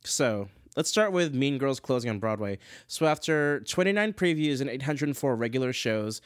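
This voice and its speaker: A man's voice: mid-range voice, lively intonation, moderate pace, dry recording, clean studio sound. A man hosting a casual solo commentary show, chatty and self-deprecating, wandering off on tangents. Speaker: podcast host.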